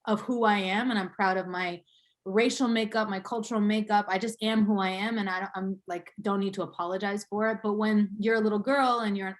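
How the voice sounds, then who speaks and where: Speaking in a mid-range voice, a woman in her thirties from Boston, USA, looks back on her life as a guest in an interview. She's reflective, with plenty of fillers and little laughs.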